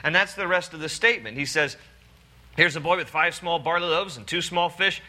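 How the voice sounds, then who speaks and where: A man preaching a sermon, animated and acting out the people in the story with put-on voices. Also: on the high side, brisk. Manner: animated, acts out quoted characters in put-on voices. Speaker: pastor.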